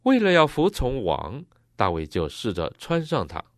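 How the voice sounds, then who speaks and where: A man interpreting a sermon phrase by phrase, matching the preacher's expressive delivery. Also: medium pitch, normal speed, no room sound, studio quality.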